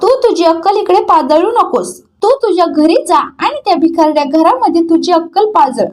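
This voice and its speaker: A woman's voice: extremely high pitch, animated, moderate pace. A woman reading the lines of a rude, scornful woman from a rich household, in an insulting tone. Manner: insulting and shouting. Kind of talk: dramatic recap reading.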